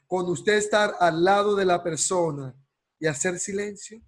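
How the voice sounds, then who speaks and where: A man's voice: high voice, poor audio. A man teaching a counseling class. He asks rhetorical questions and keeps checking in with his students. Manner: slows right down to stress key words. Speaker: counseling course lecturer. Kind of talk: class lecture.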